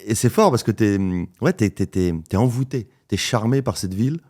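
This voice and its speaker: A man's voice: lowish voice, expressive, moderate pace, darkish tone, slightly rough. A man co-hosting a casual podcast conversation, agreeable and hesitant, full of fillers and repeated words. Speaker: podcast co-host.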